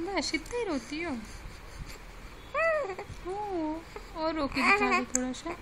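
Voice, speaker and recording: A woman's voice: very high voice, lively intonation, takes it slowly. A mother coaxing her baby in sing-song baby talk, repeating her phrases, on a noisy home recording.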